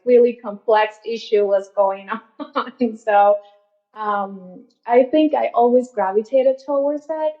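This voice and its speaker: Earnest woman in her late thirties. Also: medium pitch. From Venezuela. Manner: earnest, reflective, hesitant. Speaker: guest therapist. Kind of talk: casual interview answers. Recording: slightly muffled lo-fi audio.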